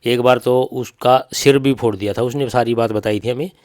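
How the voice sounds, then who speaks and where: Speaking at normal speed in a medium pitch with fairly even intonation and a somewhat dark tone, a bereaved, middle-aged father with a Haryanvi accent recounts events in an interview. He insists, repeats himself, and relays other people's words.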